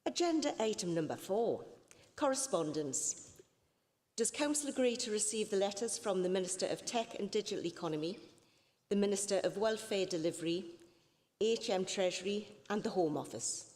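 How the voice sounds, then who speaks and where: A woman chairs a city council meeting, reading out agenda items in a mid-pitched, everyday voice. Her speech echoes with a long reverb from the council chamber. She apologises now and then for small slips. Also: expressive, normal speed, a little mellow.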